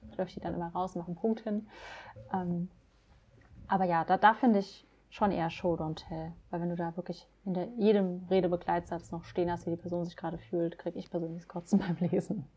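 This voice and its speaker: Animated woman podcast co-host. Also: lowish voice, fairly quick, husky, muffled recording. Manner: animated, emphatic, acts out examples. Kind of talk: casual podcast chat about writing.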